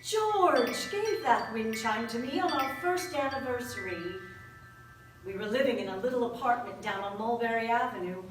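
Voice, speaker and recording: An older woman playing a stubborn, sharp-tongued widow with dry, teasing humor on a community theater stage. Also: fairly high pitch, slight background noise. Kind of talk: community stage play acting. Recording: echoey hall, miked from far off.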